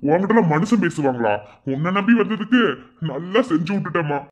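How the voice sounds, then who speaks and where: A man's voice: sits high, animated, a little fast. Man doing grumbling Madurai cartoon brother. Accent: Madurai Tamil. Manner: grumbling, scolding then soothing. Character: young village brother and husband, grumbling but caring. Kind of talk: animated family cartoon dubbing.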